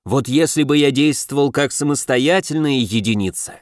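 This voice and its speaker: A man's voice: medium pitch, normal speed, no echo, studio quality, lightly acted. A man voicing a sarcastic, pompous male sword possessed by a fallen god, speaking in a theatrical, grumbling manner in an audiobook. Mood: haughty. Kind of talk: audiobook character voice.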